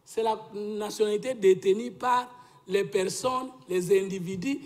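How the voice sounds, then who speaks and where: A man's voice: high-pitched, unhurried, darkish tone. A man arguing insistently in a political debate, lecturing and pressing his point. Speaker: debate guest.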